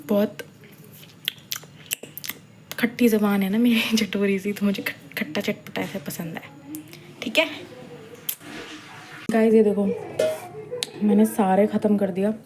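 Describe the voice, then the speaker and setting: A young woman chatting casually through her daily vlog at home, in a playful, talkative way. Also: mid-range voice. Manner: chatty, loud and playful on camera, hushed while talking to camera at night. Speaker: vlogger. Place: home, indoors. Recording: distant mic with noticeable background noise.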